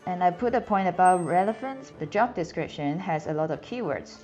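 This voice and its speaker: Speaking briskly and expressively, this woman has a fairly low, slightly mellow voice and a Hong Kong accent; she is in her thirties, from Hong Kong, with Cantonese as her first language. She hosts a career advice video, explaining earnestly and clearly to a mid-shot camera despite slightly non-native phrasing. The setting is a small indoor room with a plain background, and faint music plays under slightly dull sound.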